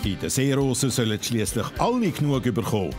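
A man delivers scripted voice-over narration for a dining show, playful and lively, his pitch swinging up and down. Music plays clearly underneath him. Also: normal speed.

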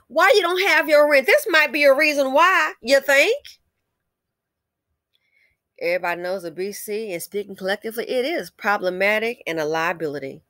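Reading comments aloud, this commentary host, an American woman, scolds and opines bluntly, tossing in emphatic asides and rhetorical questions. She has a mid-range, fairly bright voice, captured in a dry recording with clean studio sound.

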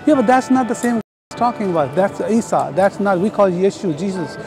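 Hombre insistente de voz aguda. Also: male voice, high-pitched, brisk, music in the background. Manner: insistent, interrupting, challenging. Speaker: street preacher at a debate booth. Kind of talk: heated street debate. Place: outdoor park plaza.

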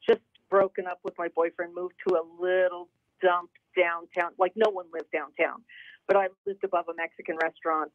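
A middle-aged woman from the San Diego area, California, calls in to a radio show as a guest caller and tells a story casually in a lively, chatty way, quoting people with big pitch jumps. Her voice is gravelly. She's on a telephone, so the line sounds tinny and dry, with no echo.

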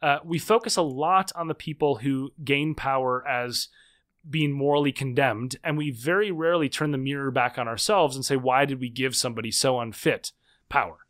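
In a conversational podcast interview, a thirty-something male guest answers with care and plenty of hedging, often restarting and using fillers. His medium-pitched voice has a fairly bright tone and moves at normal speed.

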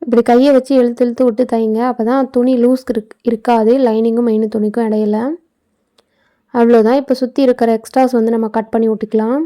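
A woman's voice: a little high, level tone, a little fast, warm tone. A woman giving a casual, explanatory voice-over for a sewing tutorial, with chatty asides. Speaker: tailoring channel host. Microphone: phone.

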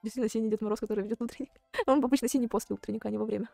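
A young woman streaming a game, reading it aloud and commenting in a casual, joking, expressive way. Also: fairly high pitch, racing, creaky, faint music behind. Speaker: vtuber streamer. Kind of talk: casual let's play commentary, reading a visual novel aloud. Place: dry close-miked room, game music behind.

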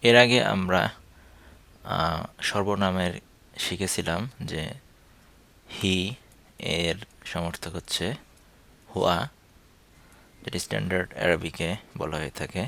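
Low-voiced guy teaching a language lesson, super slow, says every example a few times over. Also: fairly even intonation, gravelly, bright, forceful tone. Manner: slow and deliberate, repeating each example phrase aloud several times.

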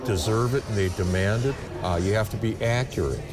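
A man's voice: lowish voice, brisk, over music. A man in his seventies giving interview answers as a professional caller, repeating words for emphasis. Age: 70s. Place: large bingo hall, indoors.

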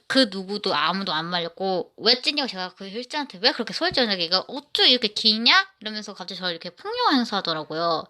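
A woman tells a story in the first person, circling back and restarting her sentences as she goes. Her voice is bright and sits at an ordinary middle pitch. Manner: rambling, with many restarts.

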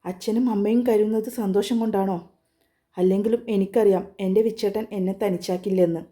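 A woman storyteller voicing a young woman deeply in love, speaking in a pleading, emotional way. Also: steady tone, a little fast, dark tone, lightly acted. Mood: eager.

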